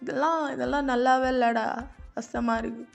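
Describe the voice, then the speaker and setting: A woman's voice: high-pitched, fairly even intonation, moderate pace, vocal fry. A woman voicing a heartbroken young man who sulks and pities himself over drinks with friends, in slangy talk. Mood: self-pitying. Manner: self-pitying, slangy, sulking. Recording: dull lo-fi audio with music.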